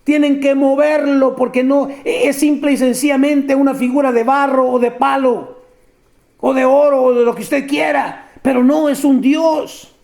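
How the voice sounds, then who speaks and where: A man preaching a lively sermon, talking straight to his listeners and laughing often. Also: very high voice, a little slow, gravelly. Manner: animated, addresses listeners directly, laughs often.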